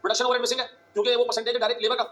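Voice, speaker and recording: A male teacher giving a classroom lecture, talking fast and urgently, repeating phrases and quizzing his students. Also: very high voice, level tone, fairly bright tone, slight background noise.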